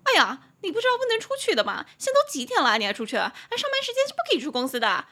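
Brief: a woman putting on a meddling office busybody, high and scolding. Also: wildly swooping pitch, racing, sharp tone, exaggerated voice. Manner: shrill, fussy scolding.

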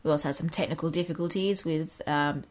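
A woman's voice: sits low, steady tone, fast talker, a little mellow. A woman with an Australian accent and a slightly phlegmy, under-the-weather voice, co-hosting a casual chat with dry humour. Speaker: podcast host.

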